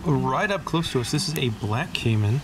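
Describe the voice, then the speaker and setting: A man casually narrating a walk through a zoo, pointing out animals in a relaxed, chatty way. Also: mid-range voice, normal speed. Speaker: zoo tour vlogger. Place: outdoor zoo walkways. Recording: outdoor noise around camera mic.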